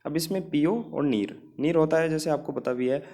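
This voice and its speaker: A man's voice: on the high side, a little fast, warm tone. Hindi-speaking male vocabulary teacher. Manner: explains in Hindi mixed with English words, often saying "ठीक है". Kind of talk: Hindi vocabulary lesson with memory tricks.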